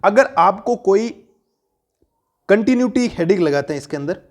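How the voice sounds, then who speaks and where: A high-voiced man takes students through a classroom math lesson. He keeps asking questions and answers them himself, and he repeats each key point so it sticks. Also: animated, moderate pace. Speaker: math teacher.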